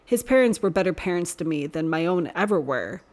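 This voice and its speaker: A woman's voice: lowish voice, animated, a little fast, a little mellow, natural voice. A woman voicing a teasing, blunt young man who talks frankly.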